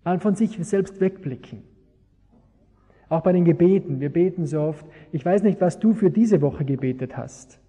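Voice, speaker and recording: A man's voice: sits high, moderate pace, dark tone, husky. A man preaching a sermon, engaging his listeners with rhetorical questions. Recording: long hall reverb.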